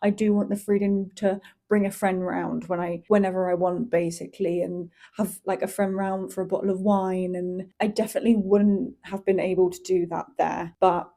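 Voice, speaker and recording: A woman's voice: on the low side, level tone, moderate pace, creaky, few pauses, mellow. A young woman talking in a casual vlog, chatty and candid, with lots of fillers and the odd swear word. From Spain. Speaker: vlogger.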